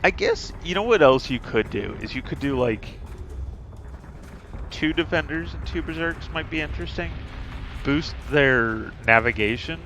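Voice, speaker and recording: A man talking casually through game strategy while streaming, thinking aloud with many pauses and fillers. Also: a little high, lively intonation, fairly bright tone, a little hiss or hum.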